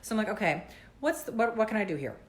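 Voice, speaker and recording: A woman's voice: mid-range voice, lively intonation, fast talker. A woman in her thirties vlogging as a mom, talking in an anxious, rambling way with many fillers and a runny nose. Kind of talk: casual vlog rant.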